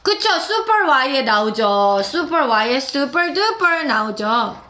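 A woman running a live English lesson for mothers, drilling words slowly and chatting playfully in between. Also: high-pitched, very animated, pushed and bright, slight background noise. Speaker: English teacher for moms.

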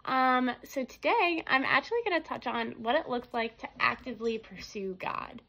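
Young woman, higher voice with vocal fry, casual earnest devotional to phone camera, indoors. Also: lively intonation, normal speed, sharp tone, low-quality recording. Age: young adult. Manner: earnest, conversational, frequent ums. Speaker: student devotional speaker. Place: small room indoors. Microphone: phone camera at arm's length.

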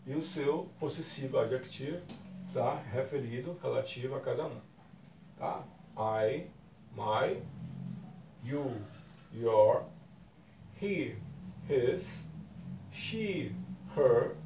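A Brazilian man teaches English in an unhurried, patient way, with a gravelly, mellow voice. He sounds set back from the mic in an echoey room, with a faint hiss underneath. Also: mid-range voice, distant mic. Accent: Brazilian Portuguese. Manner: slow and patient, with frequent checking tags. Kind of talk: recorded classroom lesson.

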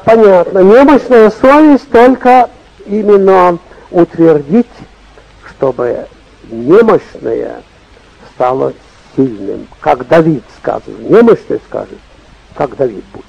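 A man's voice: sits high, gravelly, darkish tone, husky, lo-fi sound. An older man, a bishop, preaching in a rambling, repetitive folksy way, heard on an old dictaphone tape recording. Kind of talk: sermon.

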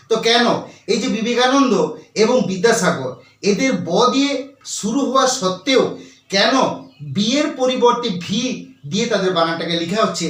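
High-voiced teacher in an echoey room. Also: male voice, a bit bright. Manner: explains step by step, repeats key points, asks and answers own questions. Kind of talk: grammar lesson to students. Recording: very echoey room, voice far from the mic.

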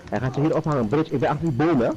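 A man gaming with friends, excitable and swearing loudly. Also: a little high, very fast, muffled recording, a little hiss or hum. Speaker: gamer. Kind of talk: casual team chat while gaming.

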